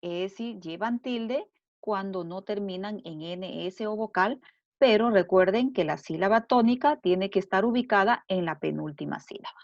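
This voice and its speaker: A woman teacher with a medium-pitched voice gives a recorded grammar lesson, explaining slowly and deliberately and repeating her examples. The recording is dull, dry, and lo-fi, with no echo.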